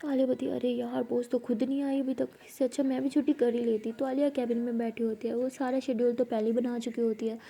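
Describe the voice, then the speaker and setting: A young woman tells a romance story in a relaxed, chatty way, slipping into the characters' lines as she goes. Her voice sits high but sounds dark and mellow, with a gravelly, husky texture. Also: fast talker, hardly any pauses. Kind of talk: casual spoken storytelling with voiced dialogue.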